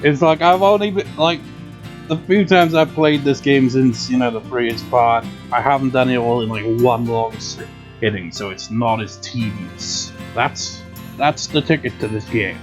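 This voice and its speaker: A man's voice: mid-range voice, a little slow. A man giving casual, rambling video game commentary in a wry, unenthusiastic manner. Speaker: gameplay video host. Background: game music.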